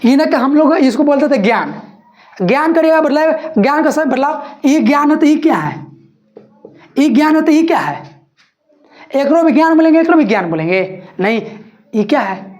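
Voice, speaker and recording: A woman's voice: high-pitched, expressive, normal speed, long pauses, a little mellow, highs cut off. A woman teacher giving an exam-prep lesson, asking questions and answering them herself while repeating each point.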